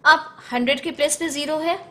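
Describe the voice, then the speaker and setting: Teaching place values step by step in Hindi, a woman speaks fairly quickly in a high, bright voice with a forceful tone. She frequently corrects herself and slips English number words into the lesson.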